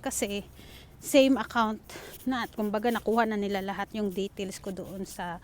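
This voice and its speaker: A woman's voice: medium pitch, steady tone, normal speed. A woman from the Philippines telling a story to her viewers in a casual, chatty vlog, mixing English words into her talk and calling the audience "guys.". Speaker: vlogger. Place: outdoors in the rain, waiting for a train. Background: rain, wind and passing vehicles.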